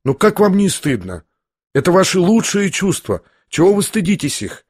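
A man reading aloud voices a gentle, earnest young prince who reasons softly and mildly. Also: sits high, sing-song, moderate pace, breathy edge, no room sound, studio quality, voice pushed up, full character voice.

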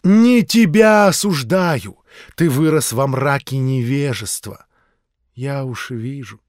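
A man voicing a fervent old street preacher woman in an audiobook, loud and drawn-out in a preaching manner. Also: medium pitch, no echo, studio quality, close to an everyday voice. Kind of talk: audiobook reading.

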